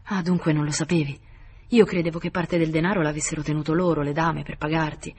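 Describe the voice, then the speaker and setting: A man's voice: a little high, little pitch movement, slight background noise, natural voice. A man doing a placid old woman usurer. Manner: placid, unhurried.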